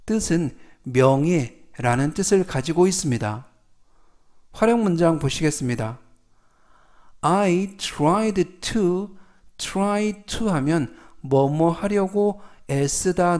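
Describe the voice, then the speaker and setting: A middle-aged man with a Korean accent teaching English vocabulary. He explains politely and methodically, and says each English word slowly several times. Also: a little high, darkish tone. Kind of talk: slow explanatory vocabulary lesson.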